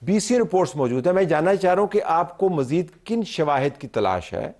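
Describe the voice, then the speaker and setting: A man's voice: a little high, sing-song, a little mellow. A man hosting a televised political debate, pressing pointed questions and moderating heated guests. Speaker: talk show host.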